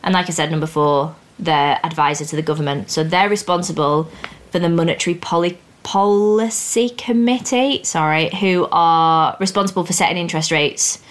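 A woman's voice: on the low side, moderate pace, hardly any pauses. Chatty woman explaining finance. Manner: explains plainly, chatty and upbeat. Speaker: podcast host teaching finance exams. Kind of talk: casual educational podcast.

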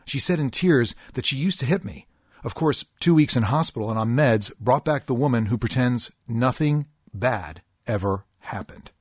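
Husky-voiced man hosting a podcast. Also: medium pitch, expressive, no echo, studio quality. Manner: earnest, deliberate, stretches key words. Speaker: podcast host. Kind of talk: podcast monologue reading a listener posting.

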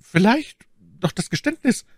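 Scheming young noblewoman, mocking cutting tone, high put-on voice, dry close sound, audiobook character, played by a male narrator. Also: wildly swooping pitch, moderate pace, darkish tone, slightly rough, dry recording, heavily acted.

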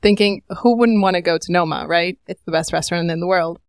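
A woman's voice: on the low side, fast, no echo, clean studio sound. A woman, a podcast correspondent, telling a wry story in a chatty way.

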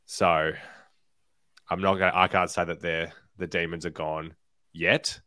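A man with a lowish voice and an Australian accent co-hosts a football podcast. He chats casually, and the sound is very dry, with no room on it. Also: flat delivery, measured pace, bright, forceful tone, no echo. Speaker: podcast co-host.

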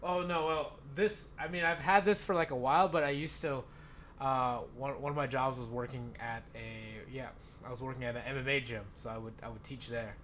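Casual male interviewer, middle pitch, agreeable and echoing, slight background ambience. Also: fairly even intonation, fairly quick, fairly bright tone, a little hiss or hum. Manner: agreeable, echoes the other's words. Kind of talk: casual chat.

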